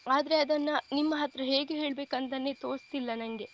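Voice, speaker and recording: A woman's voice: high voice, steady tone, a little fast, lo-fi sound, a little hiss or hum, close to an everyday voice. A woman reading as a humble earnest young woman. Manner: polite, earnest, hesitant.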